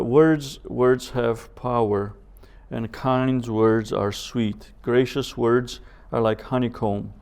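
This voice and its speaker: Teaching a Bible seminar in a measured way, a male professor pauses deliberately, quotes scripture and asks rhetorical questions. His mid-range voice has vocal fry and a darkish tone.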